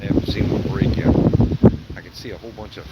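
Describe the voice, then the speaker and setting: A man's voice: fairly low pitch, steady tone, quick pace. A man giving casual, enthusiastic live commentary on a storm from outdoors in a yard. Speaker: amateur storm watcher livestreaming. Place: outdoors in a yard at night during hurricane winds. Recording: loud wind buffeting the microphone, rustling leaves. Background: strong gusting wind, rustling trees.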